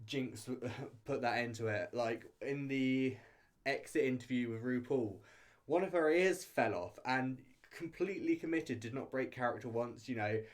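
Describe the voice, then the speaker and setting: At a moderate pace, a man with a mid-pitched voice offers casual opinions as a reality show reviewer. He hedges a lot, speaks loosely and hesitantly, and keeps breaking off to reword things.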